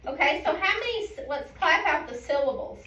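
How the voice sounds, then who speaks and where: A woman teacher leading a phonics lesson with young students, patient and coaxing, slowly repeating words for them. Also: high-pitched, animated, bright, forceful tone, a little hiss or hum. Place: classroom. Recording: echoey classroom from far off, dull lo-fi.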